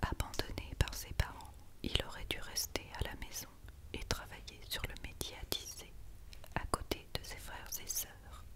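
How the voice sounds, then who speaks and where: A woman reads a Christmas story as ASMR in a breathy, unvoiced whisper, hushed and quiet as if at night. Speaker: ASMR reader.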